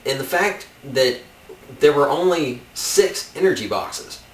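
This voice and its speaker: Slangy, griping gamer dude in an echoey room. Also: male voice, on the high side, a little slow. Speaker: guest gamer in a comedy review skit. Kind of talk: casual gamer chat in a skit. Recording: distant mic, echoey room, faint noise.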